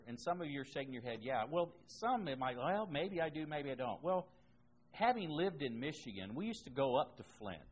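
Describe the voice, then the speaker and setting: A man's voice: mid-range voice, a little hiss or hum. A man teaching a Bible class in a conversational way, reading scripture aloud and then explaining it with asides.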